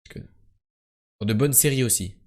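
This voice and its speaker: A young man streaming quiz games live, chatting casually and joking, jumping between loud bursts and low mumbles. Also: brisk.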